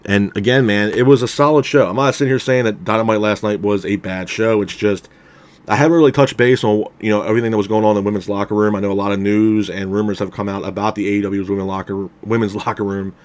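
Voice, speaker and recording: A man with a fairly low voice talks through a wrestling show review in a loose, casual way. He is candid and opinionated, and keeps dropping "you know" and "man" between his points. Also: steady tone, fast. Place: unseen, voice over a title card.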